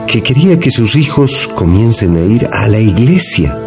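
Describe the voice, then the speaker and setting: A man's voice: lowish voice, sing-song, moderate pace. An actor playing a grown son recalling his mountain childhood in a folksy, reminiscing dramatized narration. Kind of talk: dramatized first-person narration. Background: guitar music.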